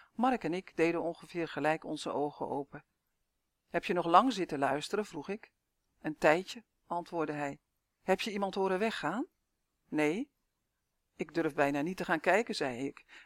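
A narrator tells a first-person story in a calm, measured way. The voice sits at an ordinary middle pitch. It is recorded close and dry, with no room sound. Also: dry recording.

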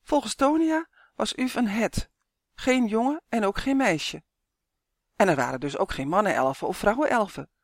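An audiobook narrator reading a children's fantasy story in a steady, clear way that livens up in tense moments. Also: medium pitch, normal speed, no room sound, clean studio sound.

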